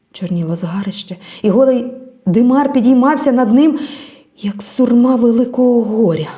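A woman reading a literary story in a quiet, hushed way, trailing off into a whisper at phrase ends. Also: on the high side. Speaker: reader.

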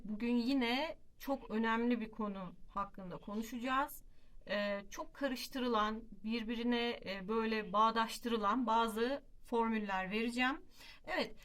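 A woman teaching a classroom lesson, explaining patiently and slowing down to model example phrases, often asking rhetorical questions. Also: a little high, a bit bright. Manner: slow emphatic modeling of English example phrases. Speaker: English teacher.

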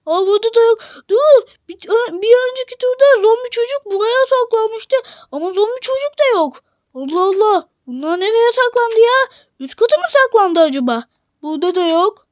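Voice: very high-pitched, animated, normal speed, no room sound, studio quality. A host talking casually to viewers while playing a hide-and-seek game, chatty and direct, often calling out to the audience. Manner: chatty, addresses viewers as "arkadaşlar". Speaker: Minecraft channel host.

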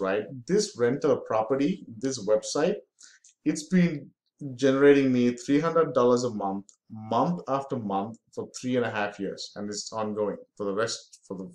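Lower-pitched man, casual tutorial talk, echoey room. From India. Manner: casual, filler-heavy, repeats himself. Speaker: online marketing instructor. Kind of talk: screen-share tutorial talk.

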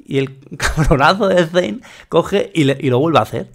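A man giving casual, animated reaction commentary on roleplay clips, repeating himself. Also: on the high side, moderate pace, vocal fry. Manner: animated, repetitive, laughing asides.

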